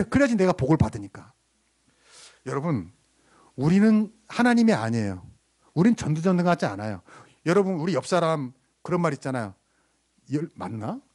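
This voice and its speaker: A man's voice: on the high side, a little mellow. A middle-aged man preaching a sermon as pastor, asking the congregation questions and acting out the people in his stories. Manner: acts out quoted voices while telling a story.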